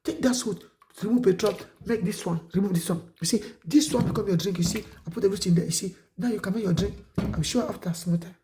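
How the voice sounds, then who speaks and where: A man preaching an exhortation sermon, emphatic and repetitive, with sudden high outbursts. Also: brisk, dark tone, reverberant, a little hiss or hum.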